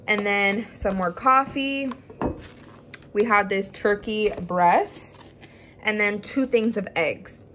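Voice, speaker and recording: Standing in a home kitchen, a young adult woman vlogger talks eagerly and casually to her viewers about her grocery haul. Her voice is medium in pitch and a bit bright, and there's clear room ambience and background noise.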